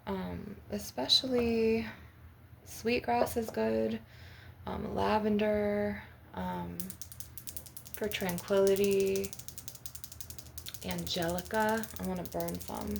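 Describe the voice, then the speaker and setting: A woman's voice: mid-range voice, steady tone, slow pace, gravelly, pauses often. A woman hosting an ASMR video, talking in a rambling, conversational way with asides between tapping. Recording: very noisy, with clicks and tapping. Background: tapping on glass and objects, clicking.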